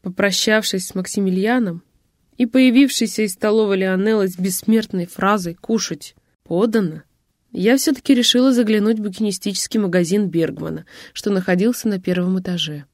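Woman reading a novel aloud, wry and even, mid pitch, super dry close mic. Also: brisk, no echo. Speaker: audiobook narrator. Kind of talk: first-person novel narration.

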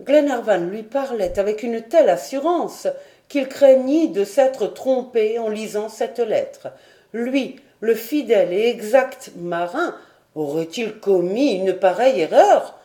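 A woman narrating a classic adventure novel as an audiobook, in a measured, steady reading. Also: fairly high pitch. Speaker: audiobook reader.

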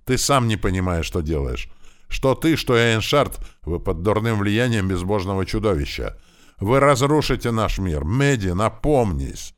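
A man's voice: sing-song, a little slow. A man voicing a desperate, defiant noblewoman who pleads with her son, in an audiobook. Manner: pleading, rising to shrill defiance. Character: desperate aging noblewoman, a prince's mother, defiant.

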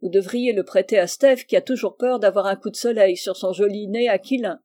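A woman's voice: medium pitch, a little fast, dark tone, lightly acted. A woman voicing a cocky, mischievous boy cousin with a teasing, playful manner.

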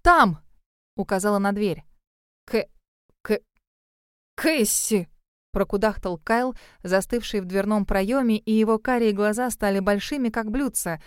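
A woman narrating a first-person story in a lively, wry, emotive way. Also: medium pitch, normal speed, smooth, dry recording, studio quality. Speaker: audiobook narrator.

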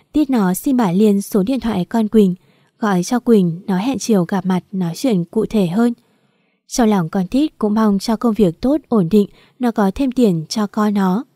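A woman reading an audio story in a steady storytelling manner. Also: mid-range voice, no echo, clean studio sound. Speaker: narrator.

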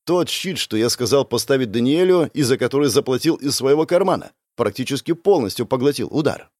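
A man's voice: mid-range voice, animated, fairly quick, darkish tone, no echo, clean studio sound. A man narrating a first-person fantasy audiobook in a tense, dramatic way.

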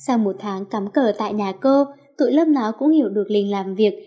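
A woman narrating a story in an expressive reading voice. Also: medium pitch, a little fast, faint music behind.

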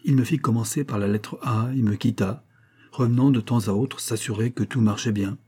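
Man doing an indignant middle-aged pawnbroker, audiobook, dark tone. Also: mid-range voice, normal speed, breathy edge, lightly acted. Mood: aggrieved. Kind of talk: audiobook reading.

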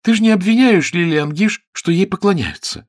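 A man voicing a cheerful, affectionate young actress in a high, girlish voice, reading an audiobook. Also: expressive, normal speed. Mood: coaxing. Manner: bubbly, coaxing.

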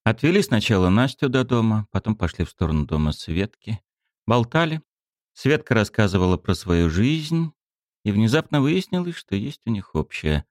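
A man's voice: lowish voice, moderate pace, dry recording, clean studio sound. A man narrating an audiobook and voicing all the characters. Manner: expressive, performs all the characters. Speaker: audiobook reader.

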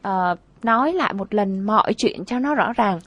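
A woman's voice: medium pitch, animated, moderate pace, a bit bright. A woman co-hosting a radio advice show, talking earnestly and conversationally about relationships, repeating phrases for emphasis.

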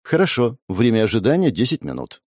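A friendly young waitress, light and helpful, as a male narrator puts her on. Dry, close reading with a lively lilt. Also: medium pitch, fairly quick, dry recording.

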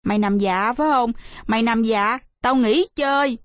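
A woman's voice: a little high, normal speed, dry recording, natural voice. A woman reading the lines of a cocky, teasing little boy in a storybook, in a bossy, smug voice close to her own.

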